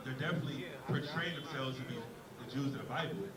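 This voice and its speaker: A man's voice: mid-range voice, fast talker, poor audio. Emphatic street preacher man, crowd behind. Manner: emphatic, repeats words while pushing his point. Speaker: street preacher questioning a passerby. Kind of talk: street debate.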